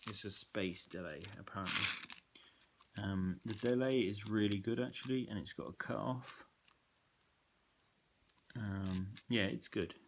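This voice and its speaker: Slow, low-voiced man walking through his pedals. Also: a little hiss or hum. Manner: loose and rambling, frequent ums, candid opinions. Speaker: musician showing his effects pedals. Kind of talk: casual gear walkthrough.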